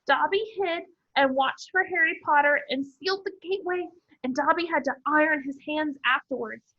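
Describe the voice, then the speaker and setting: A woman voicing a small, fretful male house-elf who speaks of himself by name in a high pleading voice. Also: normal speed, dull audio. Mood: earnest.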